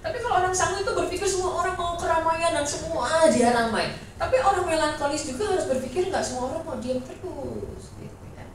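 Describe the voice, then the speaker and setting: A woman pastor preaching a sermon in a lively, conversational way, acting out quoted voices. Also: very high-pitched, quick pace, a little hiss or hum. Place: church hall. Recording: echoey church hall from far off.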